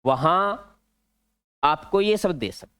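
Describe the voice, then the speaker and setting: Hindi teacher man with a smooth, dry voice. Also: sits high, animated, fairly bright tone, dry recording. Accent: Rajasthani Hindi. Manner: explains slowly, repeats and stretches key words. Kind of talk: exam-prep Hindi grammar lesson.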